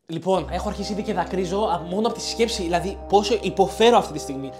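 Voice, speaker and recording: High-voiced young man, playful vlogger. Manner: animated, playful exaggeration. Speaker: vlogger host. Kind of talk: casual vlog commentary. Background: background music.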